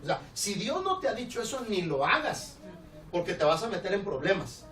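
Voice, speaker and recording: A man with a Mexican accent preaching a storytelling sermon as a pastor, animated and laughing, acting out the people in his story. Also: high-pitched, normal speed. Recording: roomy, distant church recording with background noise.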